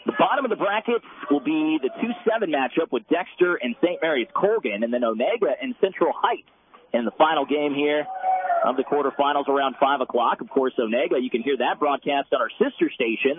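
A man giving brisk, stat-heavy play-by-play of a softball game, heard as a loud, dense radio broadcast. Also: medium pitch. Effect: loud dense radio broadcast sound. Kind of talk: live softball commentary. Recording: narrow tinny radio band, faint hiss.

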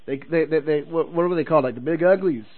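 A high-voiced man hosts a live sports call-in show. He talks in a casual, folksy, encouraging style and likes to repeat a phrase. The audio is narrow and phone-like. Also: fast talker.

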